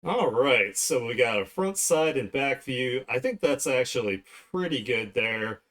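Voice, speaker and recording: Drawing as he goes, a man hosting an art livestream rambles casually to viewers in a mid-range voice with lively intonation. He keeps a measured pace and a fairly bright tone.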